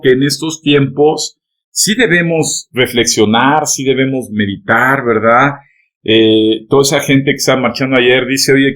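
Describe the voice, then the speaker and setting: In a medium, somewhat bright voice, a pastor preaches emphatically, constantly dropping in "¿verdad?" and "¿amén?" as rhetorical check-ins. He speaks directly to the congregation and has them turn to each other.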